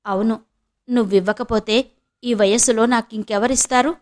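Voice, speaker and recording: A frail old man, read by a woman who speaks in soft, pleading tones. He sounds humble, as if he is asking for help he knows he may not get. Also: a little high, fairly even intonation, moderate pace, close to an everyday voice.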